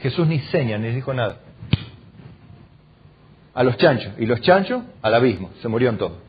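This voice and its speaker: A man's voice: mid-range voice, moderate pace, muffled recording, a little hiss or hum. A man with an Argentine Spanish accent preaching a sermon as pastor, asking the congregation questions and acting out the voices in the stories he tells. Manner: animated preaching, acting out quoted lines, rhetorical questions. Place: church hall.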